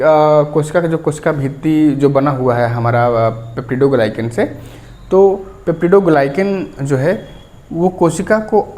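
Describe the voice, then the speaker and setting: A man's voice: on the high side, a little mellow. A man teaching a science lesson, explaining step by step, checking in with the listener and repeating key terms. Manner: clears throat now and then.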